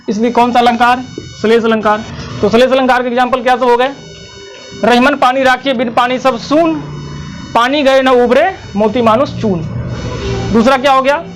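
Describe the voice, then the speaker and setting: A man teaching a grammar lesson, asking the class questions and answering them himself, with examples repeated slowly. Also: very high voice, rough recording.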